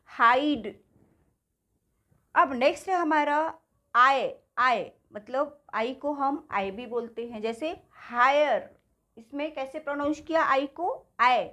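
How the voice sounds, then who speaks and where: A woman's voice: sits high, fairly bright tone. A woman with an Indian accent teaching spoken English, patiently repeating words and asking her class questions.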